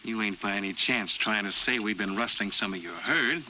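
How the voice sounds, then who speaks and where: An American actor playing a menacing Old West gang boss in a 1940s western, curt and commanding with folksy grammar. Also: male voice, on the low side, moderate pace, natural voice. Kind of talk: 1940s western film acting. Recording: dull, noisy old film soundtrack.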